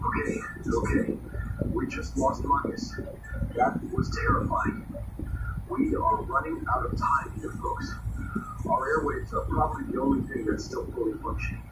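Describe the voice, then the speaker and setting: A man's voice: very high voice, wildly swooping pitch, moderate pace, full character voice. Casting: male actor as grave, alarmed emergency radio host for a drama, urgent, echoey and far from the mic. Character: alarmed radio news host during apocalyptic outbreak. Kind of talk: radio drama news broadcast. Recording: very noisy, echoey, distant radio broadcast.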